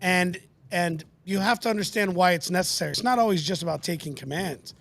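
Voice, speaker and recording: A man's voice: high-pitched, fairly quick, gravelly, a bit bright. A male podcast host chatting with his guest, enthusiastic and affirming. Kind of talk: podcast chat.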